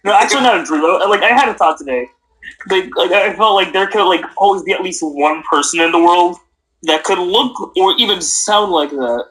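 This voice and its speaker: A high-pitched teenage boy talks with his friends on a casual podcast. His bright voice rambles and trips over fillers and restarts. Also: expressive, moderate pace, poor audio. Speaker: podcast co-host. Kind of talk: casual chat.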